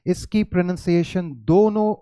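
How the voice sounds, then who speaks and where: An English teacher with an Indian accent, explaining pronunciation to students, mixing Hindi with English and slowly repeating words. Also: male voice, sits high, fairly even intonation, dark tone, clear, resonant tone, no room sound. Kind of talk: classroom lesson explanation.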